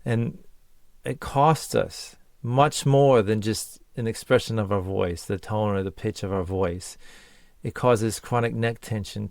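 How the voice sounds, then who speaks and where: Low-ish guy voice coach talking earnest and encouraging, dry close sound. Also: vocal fry, darkish tone, no echo. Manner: earnest, encouraging, speaks in short lists. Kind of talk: spoken lesson to camera.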